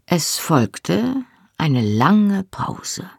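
An audiobook reader giving a lively, expressive scripted narration of a novel. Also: medium pitch, extremely slow, vocal fry, breathy edge, no echo, studio quality.

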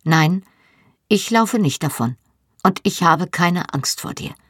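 A reader voicing a defiant young wife who shouts back at her husband in outrage. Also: lowish voice, expressive, slow pace, breathy edge, no room sound, clean studio sound, full character voice.

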